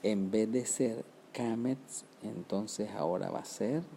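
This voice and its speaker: A man with a dark, gravelly voice teaches a Hebrew grammar lesson. He explains each rule patiently, slows down to sound out words syllable by syllable, and keeps checking in with his listeners. A faint hiss runs behind the recording. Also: fairly low pitch. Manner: explains step by step, often checks with "¿verdad?" and "¿ok?".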